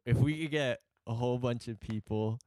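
A man's voice: medium pitch, normal speed, dark tone, dry recording. A young man co-hosting a podcast in casual chat, playful and laughing often. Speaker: podcast co-host.

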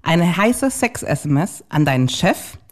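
Low-voiced woman hosting a teasing chat. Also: very animated. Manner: teasing, reads questions slowly and deliberately. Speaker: podcast host. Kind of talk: casual podcast chat.

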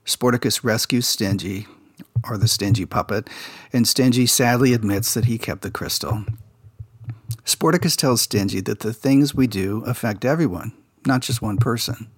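With a medium-pitched voice that has a breathy edge, a man speaks at a moderate pace, and there is no room sound. He's a podcast host casually recapping a children's TV episode, recounting production details and behind-the-scenes stories like a relaxed insider.

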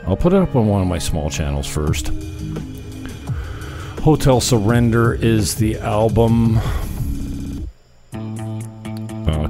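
Male host, deep and unhurried. Natural unscripted rambling with swearing, over prominent music. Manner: rambling, profane. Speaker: online show host. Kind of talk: natural unscripted talk, casual rambling to viewers. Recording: music playing behind the voice.

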